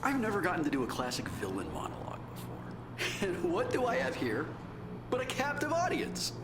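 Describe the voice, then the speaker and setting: A man's voice: high voice, huge pitch swings, brisk, roomy sound, background noise, full character voice. An actor playing a vain, gloating showman villain in a video game, with theatrical menace and hammy delivery.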